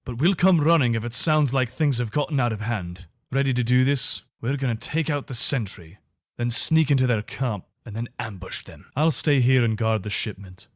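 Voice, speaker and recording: Clean studio audio with no echo captures a man's natural, medium-pitched voice at normal speed. He delivers video game lines as a wary but loyal imperial legionnaire, with an earnest, steady, soldierly manner.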